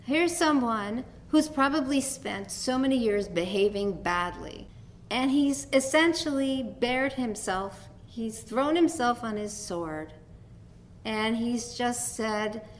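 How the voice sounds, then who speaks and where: A woman's voice: on the high side, lively intonation, slow pace. A middle-aged woman from New York with a New York accent, giving a conversational dharma talk as a teacher, telling stories with light laughs. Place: meditation hall talk.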